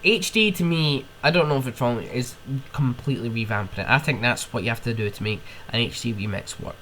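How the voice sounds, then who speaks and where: Speaking fairly quickly in a medium-pitched, fairly bright voice, a young male podcast host rambles and rants alone while ill with a cold. He sniffs and swears along the way, and there's a slight hiss or hum.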